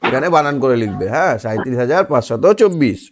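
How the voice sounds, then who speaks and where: A man's voice: mid-range voice, lively intonation, fast talker, background noise. A man teaching an online math lesson, patiently asking questions and answering them himself. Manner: patient, asks and answers his own questions. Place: online class on a video call.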